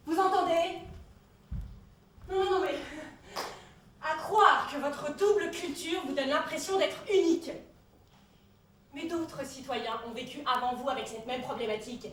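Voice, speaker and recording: A woman's voice: high voice, a bit bright, heavily acted. A woman playing Marianne, the haughty Republic. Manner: condescending, sarcastic lecturing. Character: haughty female Marianne, Republic personified, lecturing citizens. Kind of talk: comedy sketch. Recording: roomy echo from a distance, faint noise.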